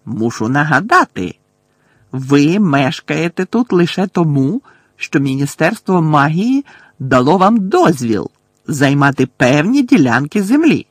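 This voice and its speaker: A man's voice: on the high side, a little slow, no echo, clean studio sound. A man voicing a frightened, officious witch official who lectures pompously about laws, in an audiobook. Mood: pompous, indignant.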